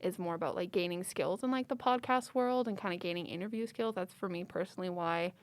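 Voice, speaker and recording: A young history student from Calgary, answering with upbeat energy and casual "like" and "kinda" fillers. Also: female voice, lowish voice, quick pace. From Calgary, Canada. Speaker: research assistant and co-host.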